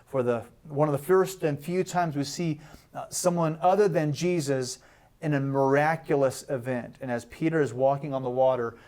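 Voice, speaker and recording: Animated storytelling pastor, a man. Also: medium pitch, normal speed. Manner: animated storyteller, acts out quotes with humor. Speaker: pastor, studio guest. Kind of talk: sermon-style devotional on a talk show.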